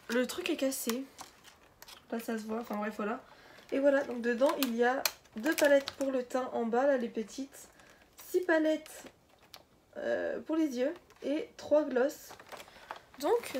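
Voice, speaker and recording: A woman's voice: fairly high pitch, darkish tone, a little hiss or hum. A young woman chatting casually as she reviews a makeup set, rambling and poking fun at herself. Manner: chatty, rambling, self-mocking. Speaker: beauty vlogger.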